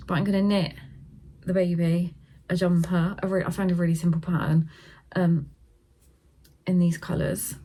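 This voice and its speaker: A middle-aged woman chatting through a casual yarn haul, filmed on her phone at home and sometimes talking softly so a sleeping baby stays asleep. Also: fairly low pitch. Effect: filmed on a phone camera. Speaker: craft vlogger.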